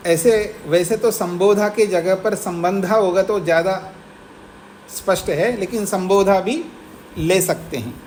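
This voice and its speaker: A man lectures a class in an ashram, moving steadily through a classical text. He reads each Sanskrit line slowly, then explains it in plain talk and asks his students whether they follow. A faint hiss and the hum of the room sit under his voice. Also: sits high, darkish tone, poor audio. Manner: slows to read the Sanskrit text aloud. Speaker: teacher of philosophy.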